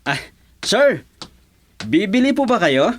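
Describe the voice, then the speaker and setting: An actor playing a polite, earnest young egg vendor in an expressive radio drama style. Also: male voice, high-pitched, takes it slowly, heavily acted.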